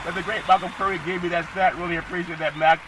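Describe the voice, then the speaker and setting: A middle-aged man hosting a sports podcast, animated, repeating catchphrases and swinging between loud and quiet. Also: sits high, quick pace, noisy background. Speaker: podcast host. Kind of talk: sports talk monologue.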